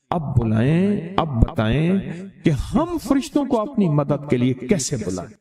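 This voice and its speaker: A man preaching a sermon and telling a story dramatically, acting out the characters' lines. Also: a little high. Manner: dramatic storyteller, acts out voices in quotes.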